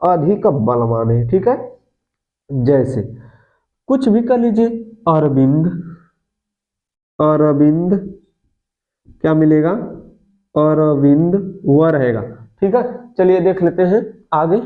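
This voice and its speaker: Slow, repetitive man teaching grammar. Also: fairly high pitch, lively intonation. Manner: asks questions and answers them himself, repeating key words; addresses listeners as friends. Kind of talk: Hindi grammar lesson. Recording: phone-like lo-fi audio.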